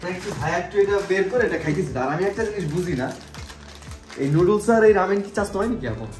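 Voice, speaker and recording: A man's voice: high voice, animated, fast, darkish tone. A young man with a Bangladeshi accent chatting casually and jokingly as he hosts a vlog. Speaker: vlogger hosting a food challenge. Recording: roomy echo, music underneath.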